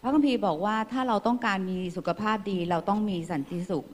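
A woman's voice: medium pitch, fast talker, darkish tone, big-room sound. A woman interpreting a sermon live, in fluent flowing phrases. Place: church hall.

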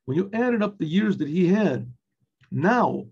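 Older rabbi teaching, husky dull audio. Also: male voice, sits high, animated, measured pace, a little mellow. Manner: mixes English with Yiddish and Hebrew phrases, asks and answers his own questions. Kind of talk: Torah class explaining a Hebrew text. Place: indoor room with bookshelves. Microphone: webcam video recording.

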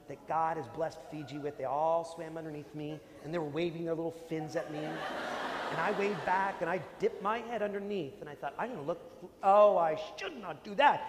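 Animated priest in a reverberant hall. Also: male voice, high-pitched. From Canada. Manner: animated, comic storyteller with big swings from loud to hushed. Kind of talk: sermon with humorous storytelling. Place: large convention hall. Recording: long hall reverb, faint noise.

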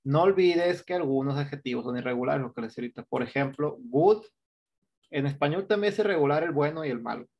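Gravelly Mexican teacher lecturing slowly. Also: male voice, fairly high pitch, expressive, lo-fi sound. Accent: Mexican Spanish. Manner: explains step by step, keeps asking "¿no?". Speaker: English teacher. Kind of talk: online class lecture.

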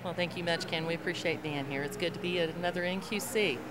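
A middle-aged woman gospel singer with a low voice gives upbeat, chatty interview answers at a convention hall booth, speaking quickly with fairly even intonation. The host holds a handheld mic to her, and the hall around them is noisy.

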